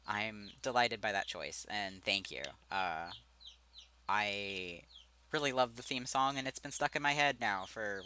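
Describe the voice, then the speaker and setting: A young man talks through his opinions in a loose, rambling way, full of "um"s and quick giggles. His voice is very bright and sharp-edged. His pitch swings widely as he talks. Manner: giggly, rambling, lots of fillers. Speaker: video commentator. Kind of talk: casual rambling commentary.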